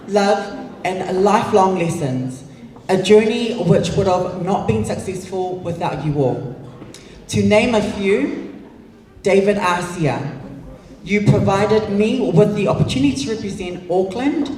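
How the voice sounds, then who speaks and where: A woman speaks from a stage in a big, echoing hall. She sits at a mid pitch and delivers a prepared thank-you speech in formal, measured phrases, heard from some distance. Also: dark tone. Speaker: reigning pageant titleholder. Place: large event hall on stage. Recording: echoey hall PA from far off.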